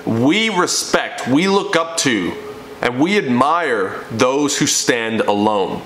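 Speaking slowly but expressively, a young fitness coach recounts his life story to a camera in front of him as he sits in a living room. His mid-range voice leans a bit bright and his delivery turns preachy and emphatic. There's slight background noise, faint ambience and a noticeable room echo.

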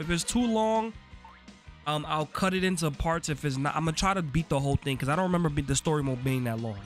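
A man giving casual, slang-filled commentary while playing a video game, swearing freely. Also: on the high side. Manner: laid-back, slangy, swears freely, gets excited. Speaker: gaming YouTuber.

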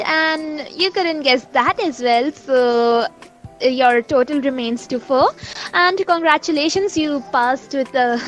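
A woman's voice: sits high, a bit bright, rough recording. A woman hosting a casual quiz chat as quizmaster, mixing Hindi into English. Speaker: podcast host and quizmaster.

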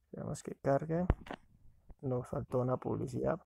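Man, app walkthrough voice-over, casual, very gravelly, dry recording. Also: mid-range voice, moderate pace, warm tone, no room sound. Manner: casual, addresses viewers as friends. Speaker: app reviewer.

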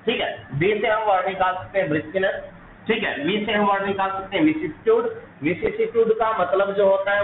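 A man with a high voice teaches an exam-prep vocabulary lesson. He repeats each word and quizzes the listener with quick questions. The recording sounds echoey and thin, like a phone line. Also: slight background noise. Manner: repetitive, drills words with quiz-like questions. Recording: echoey room over a tinny phone-like line.

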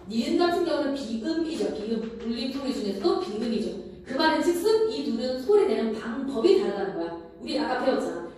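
A woman's voice: fairly high pitch, darkish tone. A woman teaching a grammar lesson to a class, often checking in with her students. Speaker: Korean language teacher. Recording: echoey room, from a distance.

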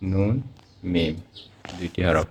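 A man with a Bangladeshi Bengali accent teaching Quran reading step by step, repeating each example word slowly in a drawn-out recitation. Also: deep voice, a little mellow, a little hiss or hum. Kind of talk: slow step-by-step lesson.

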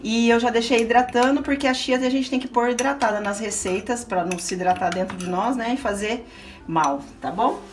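A chatty woman with a slightly high, brisk voice coaxes a child, with a faint hiss or hum in the audio. She's a cooking show host and aunt giving a casual cooking demonstration with the child, patient and encouraging, in a small indoor home kitchen. A helper holds the camera a few feet away, so the sound is roomy and distant, with music playing behind.

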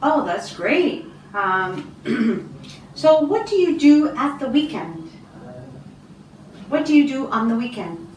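Slow, patient Canadian-born teacher, roomy room. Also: female voice, high voice, big pitch swings, slight background noise. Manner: many ums and throat clears, encouraging. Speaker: English teacher giving a speaking test. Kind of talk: slow, patient test interview. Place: small classroom office, indoors. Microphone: far camera. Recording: roomy, distant camera sound.

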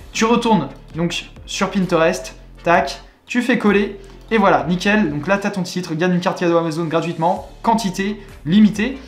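A young French man giving a chatty, upbeat screen-recorded tutorial walkthrough, full of repeated filler words. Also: high voice. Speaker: online money-making tutorial host. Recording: echoey room.

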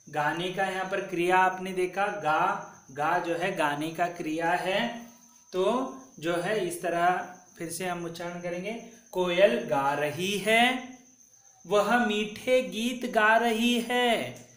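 Male schoolteacher, fairly high voice, slow and deliberate, drills example sentences; roomy echo. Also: a bit bright. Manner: slow, repeats example sentences for pupils to copy. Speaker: teacher. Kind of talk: Hindi grammar lesson for children.

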